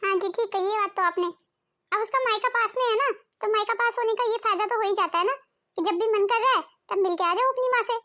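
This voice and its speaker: A woman voicing a fair-minded, gentle mother-in-law in a family cartoon, talking patiently. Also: very high-pitched, brisk. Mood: kindly.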